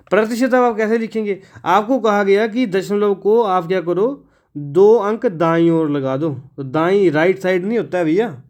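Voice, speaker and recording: A man's voice: fairly high pitch, darkish tone. A man teaching a math lesson for exam prep. He asks the class questions, answers them himself and repeats each step in a casual, friendly way. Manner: casual, addresses viewers as friends and brother.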